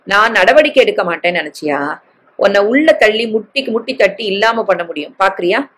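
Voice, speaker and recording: A woman's voice: mid-range voice, animated, normal speed, fairly bright tone. A woman voicing a furious betrayed young wife. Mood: cold fury.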